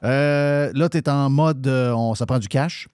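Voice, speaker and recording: A man with a Quebec French accent hosting a casual radio chat with lively, quick interjections. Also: medium pitch, clear, resonant tone, dry recording, studio quality. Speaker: host.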